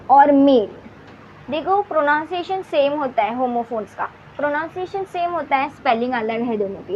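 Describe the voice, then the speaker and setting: A woman teacher with an Indian accent explaining a grammar lesson to students, repeating points and dictating definitions slowly. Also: high-pitched, muffled recording, slight background noise. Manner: repetitive, addresses students directly, slow dictation of definitions.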